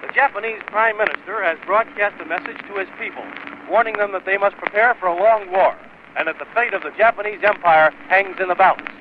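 Male radio newscaster, high and crisp, formal bulletin read, tinny old 1940s radio broadcast sound. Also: brisk, noisy background. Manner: crisp, formal announcer delivery. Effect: old 1940s radio broadcast recording.

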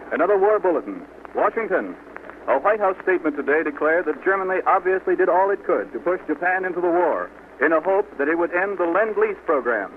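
A male announcer reads a wartime news bulletin in a formal, measured old newsreel manner, his voice sitting a bit high. The sound is thin and boxy like an old radio broadcast, with a faint hiss underneath. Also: narrow, tinny audio. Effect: old newsreel-style broadcast sound.

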